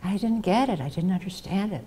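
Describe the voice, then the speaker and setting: An older woman, appearing as a guest speaker, gives a reflective personal talk from a podium in a library auditorium, speaking into a headset mic. Her mid-range voice is mellow, lively in intonation and fast, and she tells her stories earnestly, acting out the voices she quotes. The recording is low quality, with a little hiss or hum.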